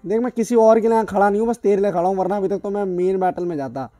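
A man hosting a gaming channel, giving excitable live gameplay commentary full of trash talk and banter. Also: high voice, rapid-fire, no room sound, soft background music. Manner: excitable, trash-talking banter in Hindi-English mix.

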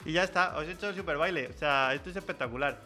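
Bright, playful man from streaming. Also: on the high side, fast talker, faint music behind. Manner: playful, joking, laughs often. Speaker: miniature painting streamer. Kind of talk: casual livestream chat.

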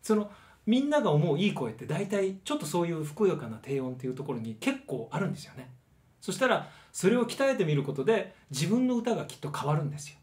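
Lively middle-aged male vocal coach. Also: on the high side, fast talker. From Osaka, Japan. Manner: animated, demonstrates voices while explaining. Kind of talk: one-point singing lesson to camera.

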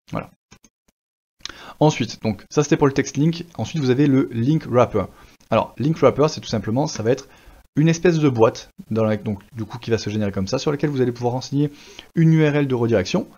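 A man walks through a software tutorial in a loose, chatty way, filling every pause with little verbal habits. His voice is dark and mellow. The recording is dull and lo-fi, as if from a cheap desktop mic. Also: mid-range voice. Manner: chatty, many fillers like voilà and justement. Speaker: web design instructor.

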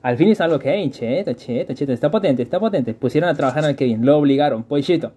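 Lively, husky-voiced streamer. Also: male voice, on the high side, fast. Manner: chatty, greets viewers, repeats phrases in bursts. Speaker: game streamer. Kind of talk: live gameplay stream, chatting with viewers.

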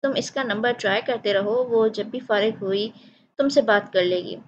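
A woman's voice: on the high side, lo-fi sound, a little hiss or hum, natural voice. A woman as a hurt, defensive older sister. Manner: hurt, patient, explaining. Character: aggrieved middle-aged woman, defensive.

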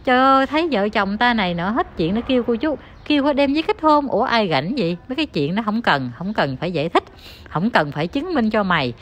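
A woman's voice: on the high side, big pitch swings, quick pace, a little hiss or hum. A woman, ranting as an online commentator who talks straight to her viewers in a heated, scornful, insulting tone.

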